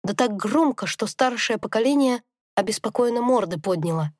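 A woman narrating a first-person fantasy audiobook in a calm, reflective storytelling manner. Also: on the high side, normal speed, no room sound, studio quality.

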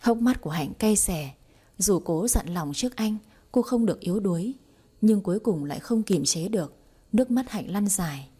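Mellow, husky woman narrating a story. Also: medium pitch, animated, normal speed. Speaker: audiobook narrator.

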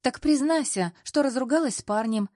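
A woman voicing a bubbly, energetic young female friend who eagerly pushes her pal on in a storybook reading. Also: high voice, normal speed, no room sound, studio quality, voice pushed up. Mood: coaxing. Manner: eager, pushy.

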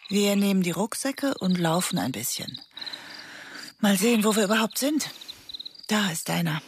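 An actress playing an anxious middle-aged mother who dreads bad news, speaking in a hushed, often half-whispered, tense way in a radio drama. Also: mid-range voice, lively intonation, normal speed, noisy background, natural voice. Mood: weary, urging. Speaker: lead character and inner narrator. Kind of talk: German radio drama acting. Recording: loud music bed under studio voice.

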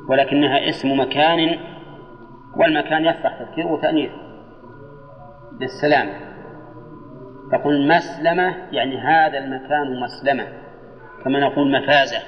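An older man teaching Arabic grammar to students in a lesson, slow and measured, drawing out the words of his examples and putting questions to the class. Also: mid-range voice, a little hiss or hum. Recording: dull old lecture tape in a reverberant hall.

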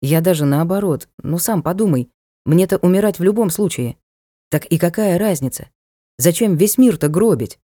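A woman reading an audiobook voices a blunt young knight who teases and needles in a low, mellow voice, brusque and matter-of-fact. Her delivery is expressive and at normal speed, and the recording is dry and close with no room sound.

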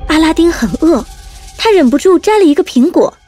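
A woman storyteller narrating a scripted children's story in an expressive way. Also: extremely high pitch, brisk, dry recording, faint music behind.

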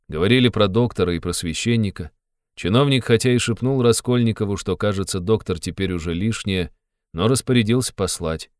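A man narrating an audiobook in a steady literary reading. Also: low-pitched, clean tone, no room sound, studio quality.

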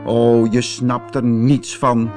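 A man voicing a brave, bossy male water rat who looks after his friend, talking in a brisk, urging way. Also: mid-range voice, level tone, darkish tone, faint music behind, natural voice. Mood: excited.

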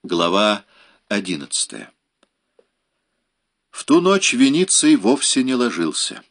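A man reading a historical novel aloud as an audiobook narrator, measured and dramatic. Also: on the low side, very animated, fairly bright tone. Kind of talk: scripted narration.

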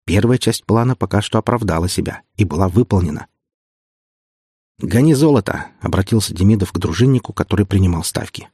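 A man narrating an audiobook in a steady storytelling manner. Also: deep voice, fast talker, hardly any pauses, breathy edge, no echo, studio quality. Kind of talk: scripted narration.

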